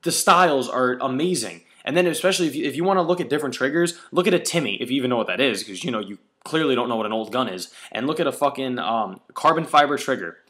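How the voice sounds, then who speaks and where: A man's voice: mid-range voice, animated, fast talker, hardly any pauses, fairly bright tone. A young man giving an angry, profanity-heavy video reply, lecturing a critic. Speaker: paintball player replying to a commenter. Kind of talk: angry video response rant.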